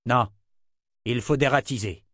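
A man voicing a young male lord who speaks urgently and forcefully. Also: medium pitch, measured pace, no room sound, studio quality, voice pushed up.

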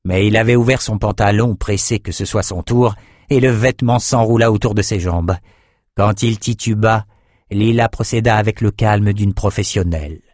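A man narrating an audiobook in a steady, measured reading on a close mic. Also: lowish voice, no room sound. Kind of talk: scripted narration.

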